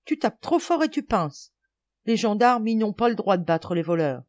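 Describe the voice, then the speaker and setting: A woman's voice: mid-range voice, sing-song, normal speed, a little mellow, dry recording, voice pushed up, natural voice. A woman reading an audiobook, voicing a sulking little village boy who whines and protests. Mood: whiny. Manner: whining, protesting.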